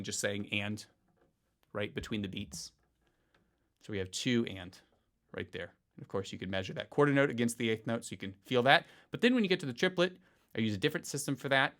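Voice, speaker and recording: A man teaching a piano lesson, explaining rhythm in a relaxed way and counting beats aloud in a sing-song voice. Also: medium pitch. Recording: faint piano music underneath. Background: piano playing.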